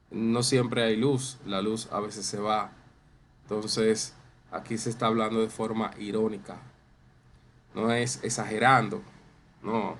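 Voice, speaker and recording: A man teaching a class, explaining slowly and repeating phrases and examples for emphasis. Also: mid-range voice, fairly bright tone, slight background noise. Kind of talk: online class lecture.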